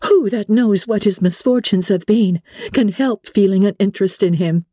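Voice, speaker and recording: A woman voicing an indignant, spirited young gentlewoman from a novel, speaking in formal, cutting, emphatic phrases. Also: medium pitch, moderate pace, no echo, studio quality, voice pushed up, natural voice.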